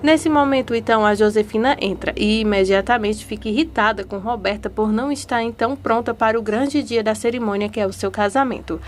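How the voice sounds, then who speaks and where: A woman's voice: on the high side, brisk, few pauses, a little hiss or hum. Chatty woman recapping a telenovela. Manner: chatty retelling, strings lines with fillers. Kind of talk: casual episode recap.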